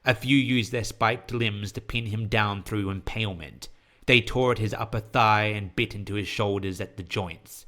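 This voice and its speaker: Fairly low in pitch and steady, with a sharp edge, a man narrates scripted horror fiction. He is the author and host of an audio story podcast, and his storytelling is measured and literary.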